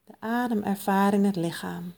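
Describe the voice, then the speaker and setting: A woman guiding a mindfulness meditation in a soft, calm, soothing manner with long pauses. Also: medium pitch, vocal fry. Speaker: meditation guide.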